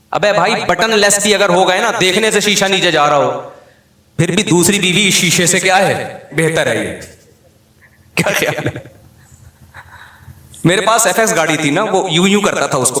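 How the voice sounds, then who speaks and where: A man delivers an informal Islamic sermon in a fairly high voice. He jokes his way through an anecdote with acted-out lines, then turns slow and deliberate for his moral. The sound is very echoey, as though the room has bare walls. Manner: humorous storytelling with lively acted dialogue; slows down for serious points. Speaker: Islamic scholar.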